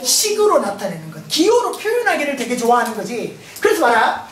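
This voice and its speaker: High lively lady math teacher, gyeongsang accent, echoey room, mic far off, noisy. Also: brisk. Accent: Gyeongsang Korean. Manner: lively, playful, laughs often, asks the class questions. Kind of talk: lecture. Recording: roomy, distant mic, noisy.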